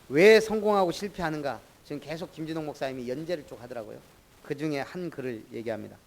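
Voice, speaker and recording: A middle-aged pastor from in Korea preaches. His voice sits a little high for a man. He keeps the sermon conversational and calls on congregation members by name. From Jeolla, Korea.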